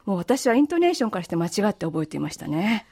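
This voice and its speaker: A woman's voice: medium pitch, big pitch swings, very fast, a little mellow, slightly rough. A woman hosting a casual radio language lesson, enthusiastic and self-mocking. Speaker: radio host.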